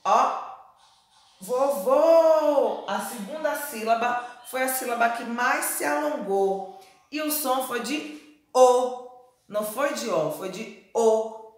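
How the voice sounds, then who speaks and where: Woman teacher, slow exaggerated drilling for kids, slightly high voice, very echoey room. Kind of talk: children's lesson.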